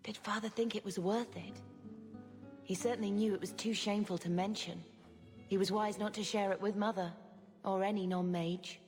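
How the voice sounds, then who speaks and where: A gentle young mage sister, voiced by a woman, soft and wistful. Her voice trails off into a long reverb, with faint music under it, as in a fantasy game. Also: medium pitch, fairly even intonation, normal speed, lightly acted.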